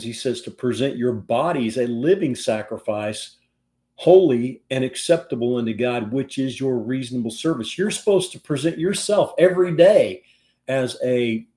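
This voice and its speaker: A man's voice: medium pitch, dark tone. A man leading an informal Bible study from a room at home, talking conversationally with frequent restarts and asides. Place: home room, teaching over a video call.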